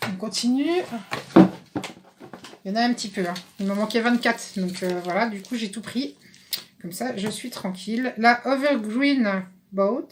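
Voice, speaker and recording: A woman chatting casually in a craft haul video, reading out English product names haltingly. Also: mid-range voice, background noise. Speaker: craft vlogger.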